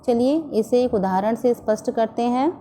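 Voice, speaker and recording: A woman teaching a school grammar lesson, explaining slowly and deliberately and restating each term in simpler words. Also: fairly high pitch, mellow, a little hiss or hum. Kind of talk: recorded Hindi grammar lesson.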